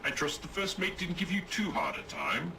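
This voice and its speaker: An actor playing a pompous, old-fashioned robot naval captain in a video game, with theatrical gentlemanly diction. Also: male voice, fairly high pitch, moderate pace, a little hiss or hum, full character voice. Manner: grandiose, lively commanding delivery. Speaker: ship's captain.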